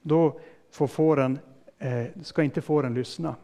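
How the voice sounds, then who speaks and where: A man's voice: fairly high pitch, steady tone, dark tone. A man preaching a sermon as a pastor, explaining in plain words and putting questions to his listeners. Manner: casual fillers and restarts.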